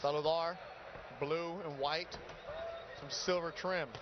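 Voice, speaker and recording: Highish male boxing commentator, noisy arena. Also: fairly even intonation, slow. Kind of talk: live sports broadcast commentary. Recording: dull broadcast audio, arena noise behind.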